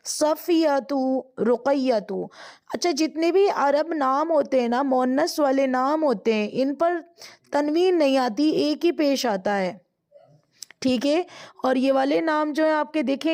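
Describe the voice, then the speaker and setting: A woman with a Pakistani accent teaching an Arabic grammar lesson, who explains in quick bursts and slows right down to recite each word. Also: sits high, darkish tone. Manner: explains in quick bursts, drawls slowly when reciting words.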